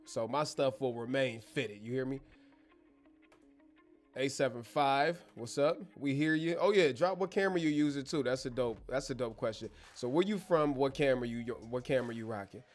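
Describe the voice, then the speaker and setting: Soft background music accompanies a livestream host, an American born in Germany, as he answers his chat's questions casually from his bedroom studio in a slangy, joking manner. His voice sits at medium pitch and normal speed. He's on a wireless clip-on microphone.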